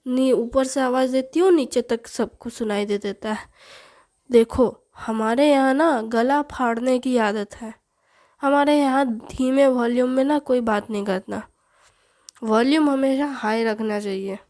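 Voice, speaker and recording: A woman voicing a bossy, loud middle-aged mother who scolds and teases her children. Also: fairly high pitch, measured pace, close to an everyday voice. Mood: scolding. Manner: scolding, teasing, commanding.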